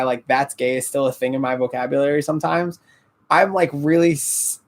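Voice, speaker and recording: A man co-hosting a podcast in casual chat, animated and profane, often laughing. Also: medium pitch. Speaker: podcast co-host.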